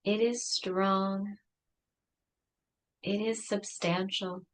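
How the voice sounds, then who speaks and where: A woman leading a guided meditation, speaking softly and soothingly with long pauses. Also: medium pitch, flat delivery.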